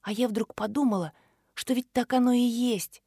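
A woman reading a gentle earnest teenage girl. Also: fairly high pitch, steady tone, normal speed, husky, no echo, clean studio sound, voice pushed up. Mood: firm. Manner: earnest, pleading. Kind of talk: audiobook character voice.

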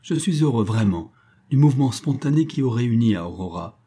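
A man's voice: medium pitch, lively intonation, fairly quick, warm tone, breathy edge. Man reading as a contrite, courtly billionaire. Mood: gracious. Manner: formal, contrite. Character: remorseful older male billionaire, courtly.

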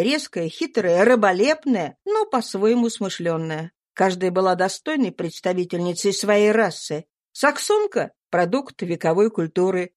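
A woman reading a classic novel aloud in even, measured storytelling. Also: medium pitch. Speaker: audiobook reader. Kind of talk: scripted narration of a classic novel.

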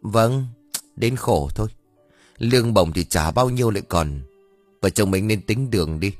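Man voicing a gentle worried young wife. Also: fairly low pitch, expressive, normal speed, dry recording, soft background music. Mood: worried caring. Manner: soft, caring.

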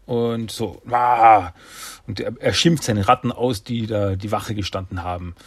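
A man's voice: lowish voice, steady tone, unhurried, husky, no echo. A man recapping a cartoon episode in a rambling, chatty way. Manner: rambling, chatty, acts out voices. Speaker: host.

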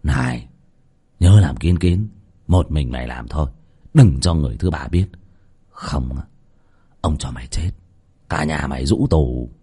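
A man voicing a cruel, scheming old village chief who speaks in a low, menacing, hushed way. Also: sing-song, moderate pace, long pauses, breathy edge, exaggerated voice. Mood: threatening.

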